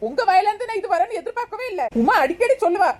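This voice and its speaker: A woman's voice: very high voice, lively intonation, very fast. A woman acting in a comedy sketch, indignant and scolding.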